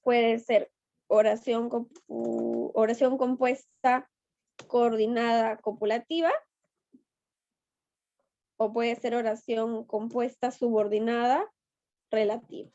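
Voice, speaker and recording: A woman's voice: fairly high pitch, flat delivery, slow pace, long pauses, dark tone. A woman teacher, taking her class step by step and patiently coaxing answers out of her students. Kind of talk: online class lesson. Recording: dull lo-fi online class audio.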